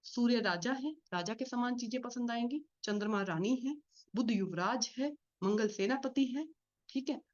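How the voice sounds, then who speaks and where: A woman teaching an astrology class in a fast, explanatory lecture style, often asking and answering her own questions. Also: a little high. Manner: fast-talking, explains with repeated rhetorical questions. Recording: slightly dull lo-fi audio.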